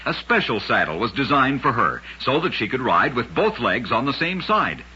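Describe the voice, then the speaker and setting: Heard on a muffled old radio recording, the narrator and host of an oddities program tells short scripted tales with emphatic drama. He has a medium-pitched, very animated voice with a forceful, bright edge and a distinctly rough, husky texture, and he moves at a moderate pace.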